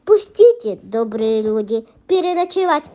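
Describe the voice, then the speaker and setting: A woman's voice: on the high side, very animated, measured pace, warm tone. A young female reader voicing a sly, pushy little female fox in a children's folk tale, wheedling and demanding. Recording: muffled lo-fi recording.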